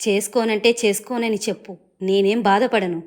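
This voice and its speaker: A woman storyteller voicing a gruff male pig-like beast, possessive yet kind, with a low, stern, commanding manner. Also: fairly even intonation, moderate pace, a little mellow, close to an everyday voice. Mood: gentle.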